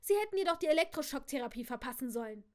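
A shrill, scornful teenage girl speaks in a high, loud, snide voice, as a woman reading a book aloud puts her on. She sounds like a sulky, judgemental cousin in an audiobook scene. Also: lively intonation, brisk. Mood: snippy.

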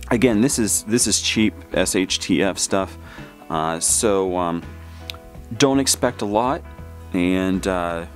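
A man casually reviewing gear he unboxes at a table, talking in a halting way with many fillers. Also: deep voice. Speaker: product reviewer. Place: indoors at a table.

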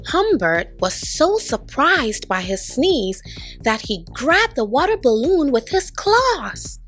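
A woman giving an expressive children's storybook read-aloud, putting on voices for the characters. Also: high voice, slow pace, music in the background. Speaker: storybook reader.

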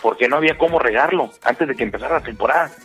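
A man's voice: medium pitch, rapid-fire, fairly bright tone, husky, soft background music. A man with a Mexican accent, a panelist in a heated baseball debate, pushing the others with teasing yes-or-no questions. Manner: pushy, teasing, demands yes-or-no answers.

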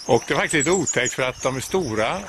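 Man in his sixties from Sweden, mid-pitched, chatty travel narration outdoors, clear background noise on a camera mic. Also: animated. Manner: chatty, explains at length with fillers. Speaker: sailing vlogger. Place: outdoors on a sailboat and shore.

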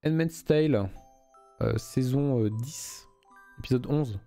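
A man's voice: mid-range voice, takes it slowly, mellow, faint music behind. A young man streaming a game live, reading the story aloud and chatting loosely with viewers, swearing freely.

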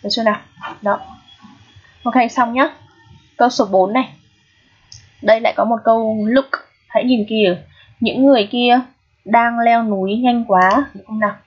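A woman's voice: on the high side, fairly even intonation, normal speed, long pauses, slightly rough. A woman teacher explaining English grammar step by step, checking in with her students often. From Vietnam. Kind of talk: recorded grammar lesson. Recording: dull, lo-fi sound.

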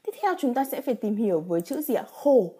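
Her voice a little high, mellow, and breathy, this Japanese teacher speaks animatedly and quickly through a vocabulary lesson. Each example sentence she reads is followed by a patient explanation and rhetorical questions to check understanding.

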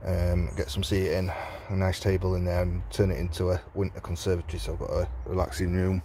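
Low-voiced guy filming his garden plot on a phone, chatty, rambling, faint outdoor noise behind. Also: monotone, fairly quick, warm tone. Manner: chatty, rambling, chuckles often. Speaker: allotment vlogger. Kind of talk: casual walking tour commentary. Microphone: handheld phone camera.

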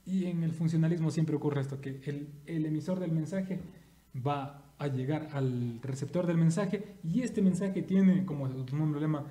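An Ecuadorian man talks through media theory on a podcast, animated and full of asides. His voice sits a little high, yet it sounds very dark and mellow. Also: normal speed. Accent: Ecuadorian Spanish. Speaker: podcast co-host. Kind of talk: casual discussion. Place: studio.

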